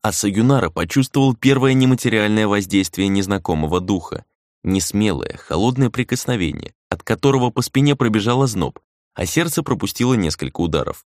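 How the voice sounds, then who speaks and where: A man reading a dark fantasy novel aloud as an audiobook narrator, measured and dramatic, slowing down for emphasis. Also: fairly low pitch, lively intonation, no room sound, studio quality.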